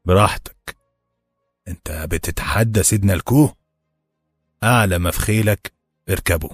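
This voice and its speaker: A cool, scornful barman with an Egyptian accent answers slowly and dismissively, as a male reader plays him. Low and husky, close and dry, over faint music. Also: animated, no echo. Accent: Egyptian Arabic. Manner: unbothered and dismissive. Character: calm, scornful male barman smoking a water pipe.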